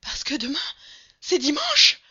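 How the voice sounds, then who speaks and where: A woman voicing a panicked, breathless male manservant who shouts in high outbursts, in an audiobook reading. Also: wildly swooping pitch, unhurried, muffled recording, full character voice. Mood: frantic. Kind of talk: audiobook character voice.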